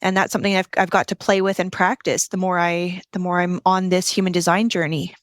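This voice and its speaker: A woman's voice: fairly low pitch, flat delivery, a little fast, dry recording, clean studio sound. A woman being interviewed, speaking thoughtfully and reflectively in casual conversation. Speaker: interview guest.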